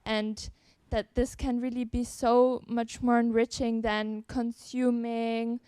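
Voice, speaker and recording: Young woman from switzerland on a panel, smooth clear voice, kinda flat, earnest and thoughtful. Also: a little high, takes it slowly, no room sound. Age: young adult. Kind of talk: personal statement on a panel.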